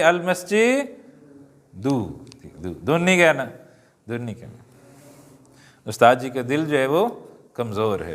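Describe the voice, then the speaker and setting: A man teaching an Arabic lesson, reading words slowly and adding joking asides to his students. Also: medium pitch. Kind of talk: classroom-style lesson. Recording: long hall reverb.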